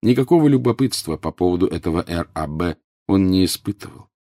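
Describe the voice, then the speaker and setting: A man reading a story aloud as an audiobook narrator, in a measured, grave manner. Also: low-pitched, lively intonation, warm tone, no room sound, clean studio sound. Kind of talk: scripted narration.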